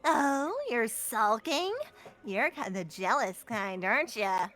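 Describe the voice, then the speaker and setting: A cheeky female death spirit played by a woman teases and bosses her master in a game fan dub. The voice is high and bright, with big playful swoops in pitch. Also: animated, takes it slowly, soft background music. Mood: teasing. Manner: playful, teasing, showy.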